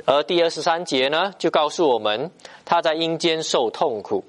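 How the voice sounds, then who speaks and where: Man, sermon, lively rising and falling pitch, emphatic repetitions, fairly high voice. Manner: animated, emphatic preaching with repetitions and pauses. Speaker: preacher.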